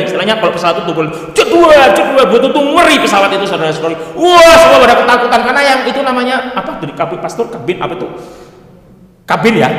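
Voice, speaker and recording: Lively joking priest in echoey church. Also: male voice, extremely high pitch. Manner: lively, joking, sings hymn lines. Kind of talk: sermon.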